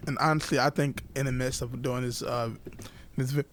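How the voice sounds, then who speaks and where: Gravelly young man chatting casually. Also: medium pitch, level tone, a little hiss or hum. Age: young adult. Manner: halting, restarts often, laughs a lot. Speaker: podcast co-host. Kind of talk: casual chat.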